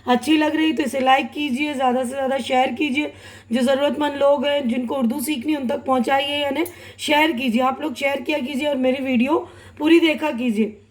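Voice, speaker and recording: A young woman teaching an online language lesson, reading example words slowly and deliberately and often checking that her students follow. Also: high voice, steady tone, reverberant. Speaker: Urdu teacher.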